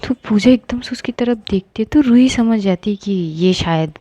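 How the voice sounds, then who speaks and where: A woman's voice: medium pitch, normal speed, dark tone, dry recording. A woman narrating a romance story in a casual, conversational storytelling style. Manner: conversational, colloquial, dramatizing.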